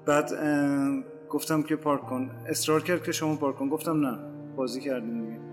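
A man telling a personal anecdote in a round-table podcast, relaxed, with many hesitant fillers. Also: on the high side, long reverb tail, music in the background. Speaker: podcast guest.

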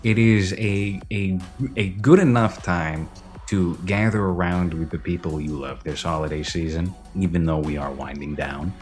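A low-voiced man hosts a casual film review podcast, rambling, correcting himself and airing strong opinions. His voice rings with reverb from an empty basement. Faint music sits underneath. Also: normal speed, a little mellow. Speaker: podcast host.

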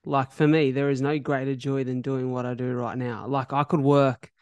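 A man's voice: medium pitch, little pitch movement, normal speed, a little mellow, clear, resonant tone, no room sound, muffled recording. An Australian man hosting a podcast, chatting casually and enthusiastically with a sweary, affirming manner into a close microphone. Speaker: podcast host.

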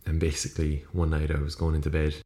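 Deep-voiced Irishman in an echoey room. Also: completely flat delivery, quick pace, dark tone. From Ireland. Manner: rambling, self-correcting, casually sweary. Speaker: podcast host. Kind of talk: solo podcast monologue, casual and unscripted. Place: small room, indoors. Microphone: USB podcast microphone. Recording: echoey room with poor acoustics.

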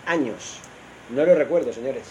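A man's voice: medium pitch, normal speed, dark tone, a little hiss or hum, poor audio. A man with an accent from Spain giving casual, improvised football commentary, opinionated and thinking aloud as he goes. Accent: Spanish from Spain. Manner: informal and opinionated, thinking aloud and correcting himself. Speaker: football commentator on an online radio stream.

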